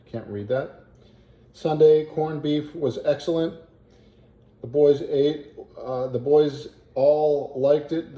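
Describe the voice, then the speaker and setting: Guy reading an old letter out loud, really soft dark voice, stops and starts, roomy echo. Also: medium pitch. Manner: halting, with pauses to puzzle out words. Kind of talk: reading an old family letter aloud, with asides. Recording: roomy, echoing home recording.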